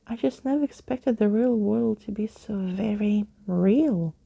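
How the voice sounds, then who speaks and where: Female reader as theatrical male skeleton adventurer for a storybook: very creaky, soft dark tone, florid old-world flourish. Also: medium pitch, measured pace, no echo, pitched above the performer's own voice. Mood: apologetic, earnest. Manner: florid, exclamatory, old-fashioned wording.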